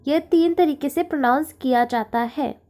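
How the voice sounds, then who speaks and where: A woman's voice: high voice, moderate pace, dark tone. A woman teaching the sounds of a foreign alphabet step by step, repeating each sound and giving simple example words. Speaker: language teacher. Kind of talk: slow, step-by-step language lesson.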